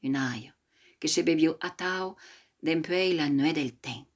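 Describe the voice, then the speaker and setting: Husky low-voiced older woman storyteller. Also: slow pace. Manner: lively, addresses listeners directly, mixes in Occitan phrases. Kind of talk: oral storytelling.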